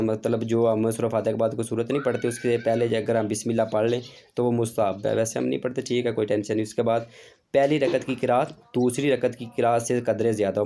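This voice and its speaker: A man gives a religious lesson in a mellow, warm voice. He talks informally and repeats himself, leaning on fillers as he explains. His pitch sits in an ordinary middle range. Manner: informal, repetitive, with many fillers. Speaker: religious teacher.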